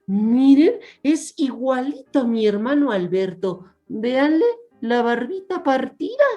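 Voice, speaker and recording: Storyteller's grandma voice: man plays an old woman, shrill and tearful with joy. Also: expressive, unhurried, mellow, lo-fi sound, faint music behind. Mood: gushing. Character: excited old grandmother, gushing over a baby.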